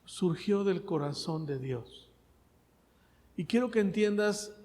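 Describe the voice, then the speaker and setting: Preacher with a high voice. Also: male voice, big-room sound. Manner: asks the congregation questions; swings between loud and soft. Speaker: pastor. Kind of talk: sermon.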